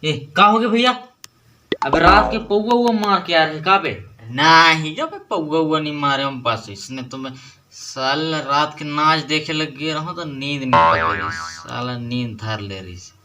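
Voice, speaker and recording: A man with a Chhattisgarhi accent joking loudly in a comedy sketch, cheekily garbling his lines. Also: on the high side, a little slow. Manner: loud, cheeky, mishears lines on purpose. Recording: loud background noise.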